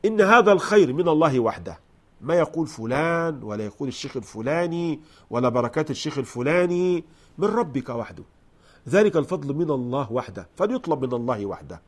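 Guy teaching quran recitation, chants slow then explains fast, pitch right in the middle. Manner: alternates slow melodic chanting with quick explanations. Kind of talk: Quran recitation lesson with commentary.

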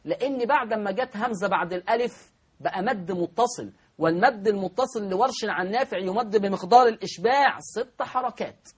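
A man with an Egyptian accent teaching Quran recitation rules, drawing out example words slowly and asking his class questions. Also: high-pitched, slightly rough. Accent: Egyptian Arabic. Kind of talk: spoken lesson on recitation rules.

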